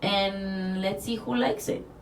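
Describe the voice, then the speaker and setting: Her pitch is medium and her tone steady as she speaks slowly, recounting her story as an interview guest. She's a designer from Mexico with a Mexican accent and Spanish as her first language, earnest and rambling with restarts, in a casual setting. The sound is roomy and distant with faint background noise.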